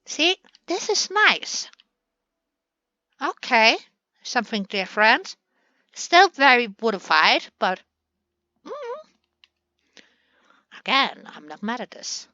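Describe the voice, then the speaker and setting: A woman talks slowly and playfully as she builds in a game, coaxing the pieces into place. Her voice sits a little high and sounds bright. The recording is dry and slightly muffled. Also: sing-song, dry recording. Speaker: gaming channel host. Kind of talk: chatty build commentary.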